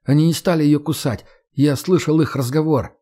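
A man voicing a scared teenage boy who pleads in a high, strained, emotional voice. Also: normal speed, dark tone, lightly acted. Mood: insistent.

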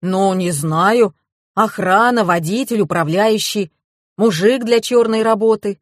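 A woman's voice: mid-range voice, unhurried, no echo, natural voice. Woman playing spoiled rich young man, whiny lazy drawl, dry close sound. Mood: sulky.

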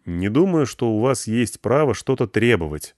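A man doing a calm, dryly sarcastic grown man. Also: lowish voice, normal speed, no echo, clean studio sound, close to an everyday voice.

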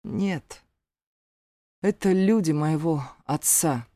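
A woman's voice: deep voice, takes it slowly, warm tone, no room sound, clean studio sound. A woman reading an audiobook voices a stubborn, hot-headed young male warrior who speaks with desperate defiance. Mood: defiant.

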